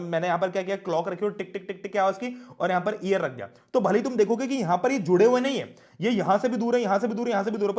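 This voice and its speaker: A young man teaching an online class, chatty and often asking his students questions. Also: high-pitched.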